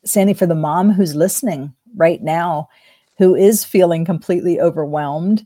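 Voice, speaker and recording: A woman hosts a faith-based interview in a low, mellow voice. She asks gentle questions and keeps softly affirming her guest, and her voice sounds dry and close. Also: moderate pace, dry recording. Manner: gentle, affirming, frequent soft backchannels. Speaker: host and interviewer.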